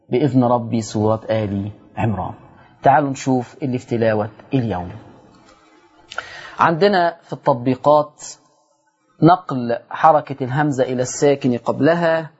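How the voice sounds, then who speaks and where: A man with an Egyptian accent teaching Quran recitation on a broadcast lesson, explaining rules briskly and stretching out example words slowly. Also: mid-range voice, darkish tone, lo-fi sound. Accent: Egyptian Arabic.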